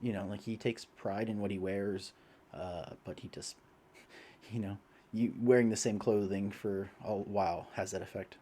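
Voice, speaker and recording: A young man narrates a tabletop game as game master. His voice sits fairly low, and he rambles along with plenty of ums and uhs. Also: fairly even intonation, unhurried, warm tone, breathy edge. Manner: rambling, many fillers.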